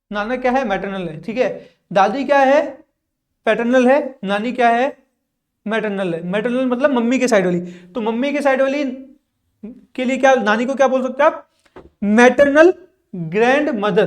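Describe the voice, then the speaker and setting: A male English teacher giving a classroom lesson in Hindi, asking questions and answering them himself, with lots of repetition. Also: very high voice. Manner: drills and repeats with frequent "theek hai".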